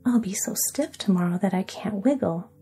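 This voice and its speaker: A woman softly voicing a timid old one-legged sailor in a whispered role-play sleep story. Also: medium pitch, normal speed, faint music behind, natural voice. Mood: worried. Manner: soft and hushed.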